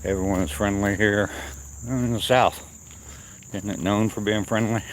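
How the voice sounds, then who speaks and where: A man walking and talking on a wooded trail outdoors, chatting casually and unscripted to his viewers, with pauses. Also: fairly low pitch, steady tone, poor audio. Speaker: livestreamer on a morning walk. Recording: outdoor noise, insects and nature ambience.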